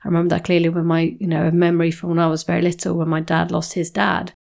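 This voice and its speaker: A woman hosts a podcast interview with a low, gravelly voice. She talks in a reflective, thoughtful way, turning ideas over as she goes. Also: completely flat delivery, quick pace, darkish tone. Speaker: podcast host.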